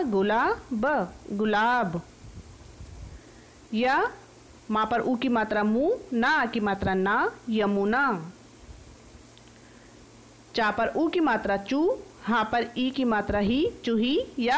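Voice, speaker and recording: An Indian woman teaching an online class for small children, sounding out words one syllable at a time in a slow phonics drill. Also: fairly high pitch.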